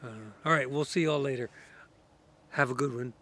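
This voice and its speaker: A sick, coughing man rambling casually outdoors in his garden for his vlog, his voice going hoarse. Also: mid-range voice, steady tone, moderate pace, sharp tone. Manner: rambling, many fillers and restarts. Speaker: garden vlogger.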